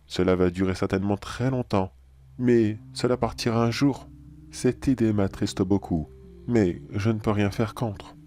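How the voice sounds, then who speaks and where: A man playing a calm, philosophical cannibal anomaly in a horror audio drama, measured and politely menacing. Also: lowish voice, a little hiss or hum, close to an everyday voice.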